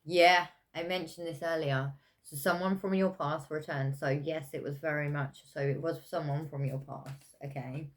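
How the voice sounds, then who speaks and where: A woman giving a casual pick-a-pile tarot reading, talking in a meandering, hesitant way with many fillers, self-corrections and soft laughs. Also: sits low, steady tone, normal speed, few pauses. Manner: chatty with frequent soft laughs. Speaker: tarot reader.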